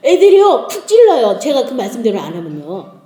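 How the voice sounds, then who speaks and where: A middle-aged woman giving a testimony in church, telling family stories with lively laughter and acting out the dialogue. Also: fairly high pitch, fairly quick, echoey room. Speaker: lay speaker giving a testimony.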